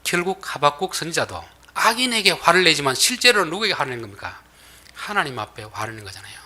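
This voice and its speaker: A male pastor delivers a sermon with a husky, slightly raspy edge. His pitch leaps and falls in lively swings, and his tone is bright and forceful. He shifts between loud emphatic bursts and soft, almost whispered asides. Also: fast talker.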